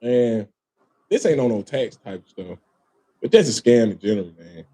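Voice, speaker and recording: A man's voice: medium pitch, very animated, normal speed, warm tone. A man hosting a casual podcast, telling a long story with lots of swearing, laughter and "man" and "bro" thrown in. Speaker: podcast host.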